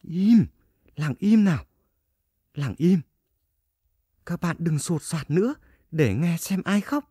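A man voicing excitable, friendly young bean plants in a children's storybook, eagerly repeating exclamations. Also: fairly high pitch, slow pace, pauses often, breathy edge, dry recording, clean studio sound, full character voice. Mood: curious.

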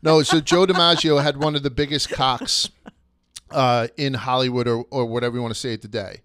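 A man's voice: medium pitch, fairly even intonation, brisk, a bit bright, no echo, clean studio sound. A man hosting a casual history podcast, chatty and crude, going off on tangents. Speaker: podcast host.

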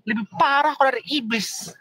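A woman's voice: high voice, moderate pace, a bit bright. A woman, hurling curses and theatrical prayers in a heated comic quarrel. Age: 30s. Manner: cursing, insulting, theatrical prayers. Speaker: comedy skit performer.

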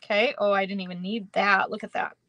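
Live-streaming a card-making class from an indoor craft room, a young Minnesotan woman chats with viewers, giggling and rambling with lots of ums and kindas. Her mid-range voice is steady, fairly quick, and fairly bright. There's slight background noise.

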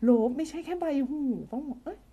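Fast and warm-toned, a woman chats her way through a live-streamed English grammar lesson, reading viewers' comments aloud. She's playful, laughs frequently, and hums while thinking out loud, all through a phone or desk mic meant for streaming.

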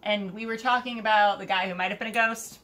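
A woman's voice: mid-range voice, steady tone, fast talker, pushed and bright. A young adult woman in casual book chat, speaking bluntly and informally with plenty of swearing. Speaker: book review co-host. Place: room with bookshelves, indoors.

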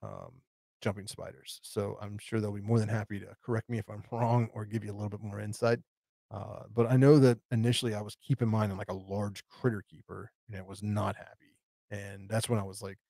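A man's voice: fairly low pitch, gravelly, warm tone, no echo, clean studio sound. A man hosting a live stream, casually rambling through viewer questions with lots of fillers and restarts. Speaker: tarantula channel host.

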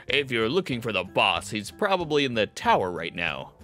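Guy doing a snooty toy king, super bright goblin voice, sneers at everyone. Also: mid-range voice, big pitch swings, moderate pace, faint music behind. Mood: stiff. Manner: sneering, theatrical and condescending. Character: haughty insulting male toy lord.

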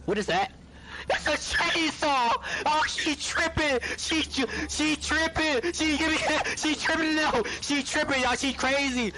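A young man streaming horror games, panicking and yelling slangy reactions in fright. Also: very high voice, a little slow. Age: young adult. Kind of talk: loud reaction commentary, slangy. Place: small indoor streaming room. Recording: noisy, overdriven shouting over game audio.

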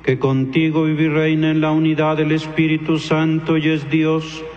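A man leading Mass as priest, praying and intoning the liturgy in a slow, measured chant under a cathedral echo. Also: a little high, monotone. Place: large church. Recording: dull echoey church recording with music.

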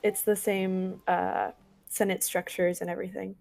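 Woman, creaky gravelly voice, dry matter-of-fact chat with friends. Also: medium pitch, moderate pace, darkish tone. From United States. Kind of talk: casual chat among friends.

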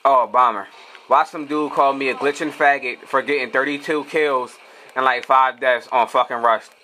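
A man's voice: mid-range voice, moderate pace, a little hiss or hum. A young man, trash-talking his teammates while commenting on his own gameplay. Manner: excitable, profane trash talk. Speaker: gamer.

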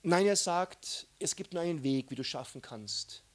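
A man preaching a sermon, animated, swinging between loud outbursts and soft, hushed asides. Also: on the high side, normal speed. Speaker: pastor.

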